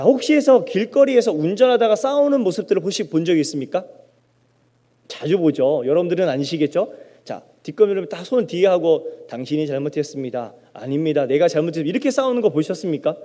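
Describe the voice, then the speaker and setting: A male pastor preaches to his congregation, throwing questions at them and acting out the loud cries of the people in his story. His voice sits high but sounds mellow and warm. It rings with the long reverb of a church hall. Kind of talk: sermon.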